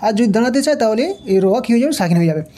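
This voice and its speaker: Mellow-voiced woman teaching Quran reading slowly. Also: on the high side, lively intonation. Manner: patient, repeats each syllable and asks the learner questions. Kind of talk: slow spelled-out recitation lesson.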